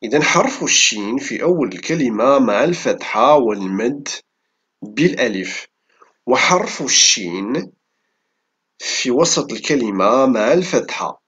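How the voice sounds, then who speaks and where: A man teaching reading and spelling, dictating words and syllables one by one and repeating each deliberately in an instructional way. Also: mid-range voice, expressive, fairly bright tone, husky.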